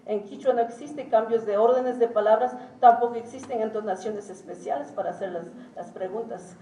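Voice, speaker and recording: A woman giving an academic lecture as a teacher, talking haltingly with many pauses and hesitations. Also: a little high, dark tone. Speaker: symposium speaker and Quichua teacher. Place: conference hall. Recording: roomy hall, distant mic, faint noise.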